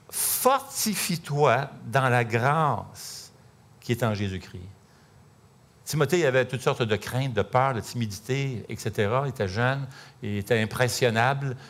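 A middle-aged pastor with a Québécois French accent preaching in a relaxed, chatty way. He tells stories from the pulpit with frequent fillers and asides. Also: mid-range voice. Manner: conversational, storytelling, many fillers. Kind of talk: sermon.

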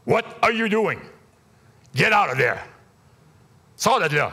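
A man's voice: sits low, animated, very slow, creaky, husky, voice pushed down, heavily acted. A man voicing a big-voiced, English-speaking businessman mentor who barks blunt commands. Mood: urgent, scolding. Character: loud booming anglophone businessman mentor.

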